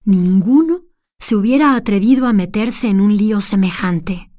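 A woman reading a story aloud as narration in a measured way, going hushed at tense moments. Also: medium pitch, no echo, studio quality. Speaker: reader. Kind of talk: scripted narration.

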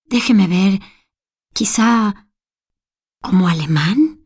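A fretful, remorseful lady, as a woman reader puts her on, repeating herself in a higher, anxious storybook voice. The delivery is slow and mellow, heard close and dry with no room around it. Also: husky, dry recording, exaggerated voice. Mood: recalling. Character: flustered middle-aged lady, remorseful. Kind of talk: storybook reading.

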